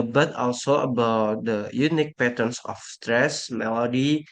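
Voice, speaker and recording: A man's voice: medium pitch, poor audio. A man student presenting a class talk, reading notes with hesitant restarts.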